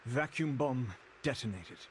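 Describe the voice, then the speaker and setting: An actor playing a measured male military officer in a video game, making formal mission debrief announcements. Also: medium pitch, expressive, heavy background noise, natural voice.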